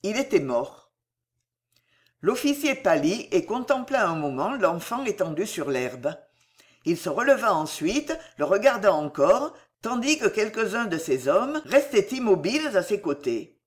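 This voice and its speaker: A narrator reading a war story aloud with an expressive, dramatic delivery. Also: medium pitch, unhurried.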